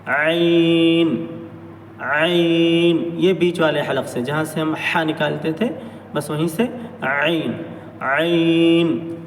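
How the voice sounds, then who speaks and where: Guy teaching arabic letter sounds, slightly high voice, stretches each sound out, echoey hall from a bit far off. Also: fairly even intonation. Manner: drawn-out, careful articulation of Arabic letters. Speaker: Quran recitation teacher. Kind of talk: slow letter-by-letter pronunciation lesson. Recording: echoey hall, mic at a distance, faint noise.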